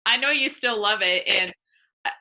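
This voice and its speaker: Woman, host, casual interview, chatty, laughs often, bright voice. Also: mid-range voice, normal speed.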